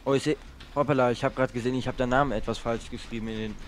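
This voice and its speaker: A young man plays a horror game co-op with a friend, chatting casually, swearing and yelping whenever he gets chased, in a let's play style. His mid-range voice is steady but very fast, and there's a little hiss or hum.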